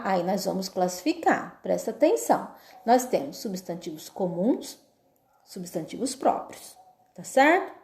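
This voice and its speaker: A woman's voice: on the high side, dark tone, echoey room. A woman with a Brazilian Portuguese accent teaching a class lesson, explaining patiently step by step and often checking that her pupils follow. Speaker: schoolteacher.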